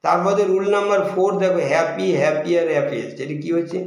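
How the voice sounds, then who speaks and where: A man's voice: high voice, creaky. Bengali-accented male teacher in echoey room. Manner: explains patiently, repeats examples slowly. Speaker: English teacher. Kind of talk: classroom grammar lesson.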